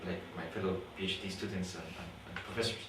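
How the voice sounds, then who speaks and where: Faint noise and a distant, roomy mic frame this interview, in which a young man from Guatemala explains his astronomy research. He's a PhD student whose second-language English is halting and thoughtful, broken by pauses, restarts, and many fillers. His delivery is flat and his voice sits low.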